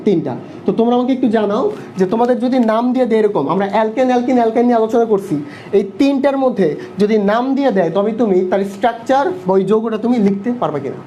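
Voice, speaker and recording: A young man teaching an online chemistry class, asking quick questions and answering them himself. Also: extremely high pitch, dark tone, a little hiss or hum. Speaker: chemistry tutor. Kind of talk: online live class lecture. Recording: dull lo-fi online class audio.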